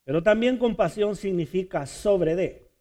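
Male pastor, high and lively voice, unhurried delivery, sermon with rising repetitions. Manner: preaching with rising, shouted repetitions and slow, drawn-out emphasis.

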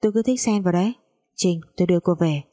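Woman reading a defiant, meddling young man, low mellow voice. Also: quick pace, lightly acted. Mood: cocky. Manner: cocky, teasing, defiant. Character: brash, teasing young man who meddles.

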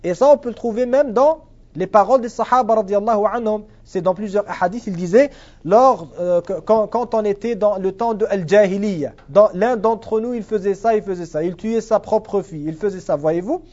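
A man's voice: high-pitched, normal speed, a little mellow. A man teaching a religious class and answering questions, earnest and repetitive, sprinkling Arabic phrases into his French. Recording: dull lo-fi sound.

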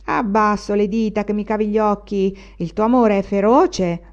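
Brief: a woman reading a sneering cynical young student, mellow tone, lo-fi. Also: mid-range voice, fairly even intonation, normal speed, natural voice. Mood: mocking. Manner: sneering, jeering.

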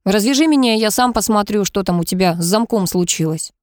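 A woman's voice: medium pitch, lively intonation, brisk, no echo, clean studio sound, close to an everyday voice. A woman reading as a cold, sarcastic male boss. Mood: irritated. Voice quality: sharp, sarcastic. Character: curt, cold male company director.

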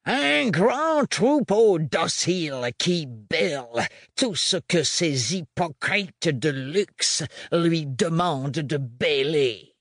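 A man's voice: expressive, a bit bright, dry recording, clean studio sound, full character voice. A man doing a thundering rebel orator. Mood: rousing. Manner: slow, booming oratory. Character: fiery male rebel leader, small but thundering. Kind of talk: audiobook reading.

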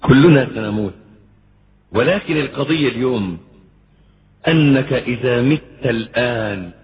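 A man with an Egyptian accent giving an impassioned sermon, swinging between pleading and booming. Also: lively intonation, measured pace. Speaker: preacher. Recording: muffled lo-fi lecture recording with faint hiss.

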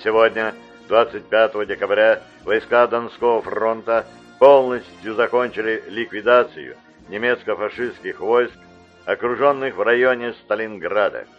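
A man reading a formal wartime radio bulletin in a slow, measured, solemn announcer's declamation. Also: on the low side, muffled recording.

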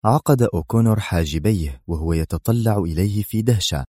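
Low, mellow male narrator. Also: a little fast, no room sound, studio quality. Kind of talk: audiobook narration.

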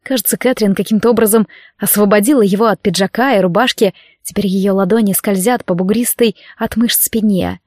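A woman narrating a romance audiobook in an even, steady reading voice. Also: mid-range voice, a little fast, dry recording, clean studio sound.

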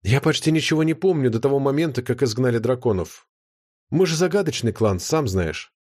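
A man voicing a calm, practical woman of a dragon clan with a dry, wry manner. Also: mid-range voice, a little fast, lightly acted.

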